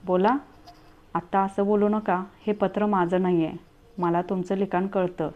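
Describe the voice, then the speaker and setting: A woman's voice: medium pitch, flat delivery, moderate pace, natural voice. A woman voicing a hurt young wife who questions her husband in a pleading, reproachful way. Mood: hurt, accusing. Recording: tinny phone-like audio, faint music.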